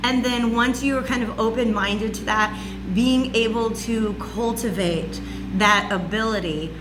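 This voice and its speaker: Here a spiritual channel host teaches in a relaxed monologue, her loud, raspy voice fairly high, her intonation fairly even and her pace measured. She chats along, often asking "okay?" or "all right?". It's a home recording with an obvious hum, made in a warm room with a fan going.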